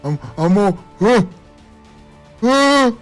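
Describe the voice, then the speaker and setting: A man, the game master, voicing a confused, stuck stranger through a voice changer, stammering and halting. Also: high-pitched, lively intonation, soft background music, voice pushed up, exaggerated voice.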